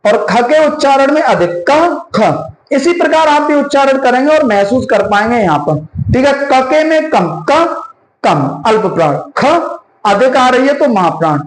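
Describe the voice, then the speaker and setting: A male teacher giving an exam-prep lesson. He asks questions and answers them himself, and repeats key terms and sounds slowly. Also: extremely high pitch, animated, roomy sound, low-quality recording.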